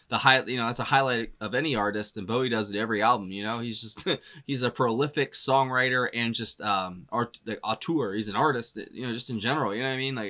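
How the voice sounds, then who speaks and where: A man with a bright, forceful voice gives a casual music reaction. He rambles loosely, stacking up "you know" and "like" as he thinks aloud, and laughs often between thoughts. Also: on the low side. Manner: laughs often while talking.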